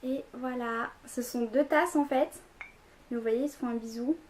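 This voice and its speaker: A woman's voice: a little high, fairly even intonation, moderate pace, a little mellow, a little hiss or hum. A young woman talking casually at home, rambling through a haul video with lots of fillers. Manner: chatty, rambling, many fillers. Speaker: vlogger.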